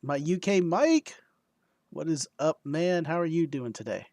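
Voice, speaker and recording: A man co-hosting a ham radio livestream in casual chat. He is easygoing, often makes soft-spoken asides and laughs readily. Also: on the high side, expressive, measured pace, no room sound, clean studio sound. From United States.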